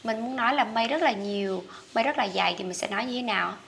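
A woman with a Vietnamese accent teaching English vocabulary, saying each word slowly and repeating it for learners. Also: fairly high pitch, gravelly, a bit bright, slight background noise. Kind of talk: vocabulary lesson.

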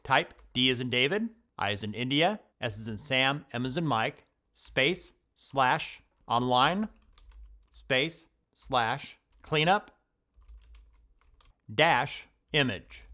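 A man hosting a computer help tutorial, reading scripted step-by-step instructions in a steady voice-over. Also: medium pitch, takes it slowly. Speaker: tech tutorial host. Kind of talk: scripted screen-recording voice-over.

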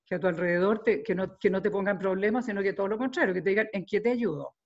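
A woman's voice: mid-range voice, very fast. Older Chilean woman, muffled recording. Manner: animated, repeats words while gathering thoughts. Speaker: interviewed singer. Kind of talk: casual interview. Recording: dull lo-fi sound.

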